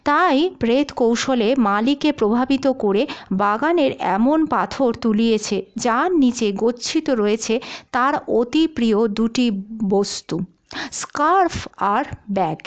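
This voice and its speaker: A woman narrating a detective story in an expressive audiobook style. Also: a little high, slow, dull audio.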